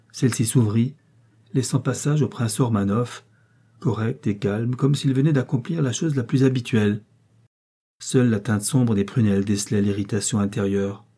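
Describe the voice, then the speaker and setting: A man reading a novel aloud as an audiobook narrator, with measured, even literary delivery. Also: mid-range voice, breathy edge.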